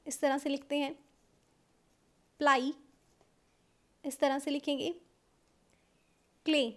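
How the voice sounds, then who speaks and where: An Indian woman teaching shorthand walks her students through it step by step in a high, light voice with a flat delivery. She explains patiently, checks in often with "okay," and mixes English terms into her Hindi. When dictating the English rule lines, she slows right down.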